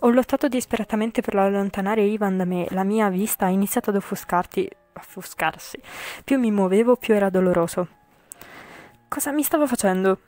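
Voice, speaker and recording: Woman streamer reading a visual novel out loud, lots of slips and fixes, chatty comments in between. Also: medium pitch, fairly quick, no echo. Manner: reads with frequent slips and self-corrections; chatty asides with English swearing. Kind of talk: reading a game aloud with casual commentary.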